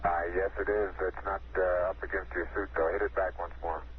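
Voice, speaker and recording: A man speaking as an astronaut on the moon over a two-way radio link, halting with fillers and pauses. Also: low-pitched, flat delivery, narrow, tinny audio. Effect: heard over a two-way radio link from space. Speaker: astronaut on the lunar surface. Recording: thin radio transmission with faint hiss.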